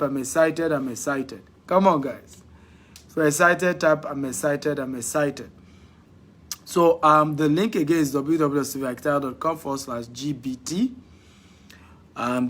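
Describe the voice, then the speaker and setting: A man's voice: mid-range voice, slight background noise. A Nigerian man hosting a live podcast Q&A, exhorting listeners and repeating key lines for emphasis. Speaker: podcast host. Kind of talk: live-stream Q&A.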